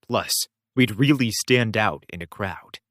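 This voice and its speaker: A man narrating a novel in the first person, wry and expressive. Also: fairly low pitch, measured pace, no room sound, studio quality. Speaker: audiobook reader.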